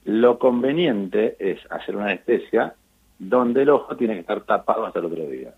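A middle-aged Argentine eye surgeon who goes on charity missions tells stories in a relaxed interview, animated and full of fillers and restarts. His voice is on the low side and slightly rough, at a moderate pace, with an Argentine Spanish accent. The audio sounds tinny, like a phone line.

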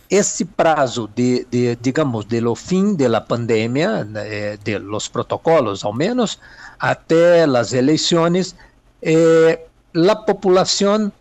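A man's voice: on the high side, a little mellow, no room sound. A man from Minas Gerais with a Mineiro Brazilian accent, answering interview questions hesitantly, with many fillers and Spanish words mixed in. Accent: Mineiro Brazilian Portuguese. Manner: mixes Spanish words into Portuguese. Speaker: political analyst guest.

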